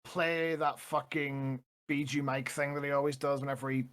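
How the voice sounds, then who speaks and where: A young man co-hosting a casual podcast chat. He swears freely, laughs often and breaks into quick rants. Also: medium pitch, level tone, a bit bright. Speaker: podcast co-host.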